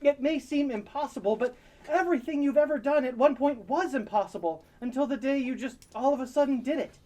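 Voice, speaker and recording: Woman playing a high-voiced, earnest dorky dad. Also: fairly quick, mellow. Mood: earnest urging. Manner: earnest, sentimental pep talks. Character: doting, dorky, earnest single dad of a teenager. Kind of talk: improvised comedy audio drama.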